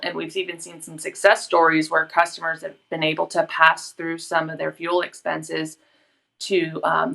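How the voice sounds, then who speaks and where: A woman guest on a business talk show, explaining features in a measured way with frequent pauses. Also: low-pitched, gravelly, bright, forceful tone. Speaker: company guest. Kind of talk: interview answer.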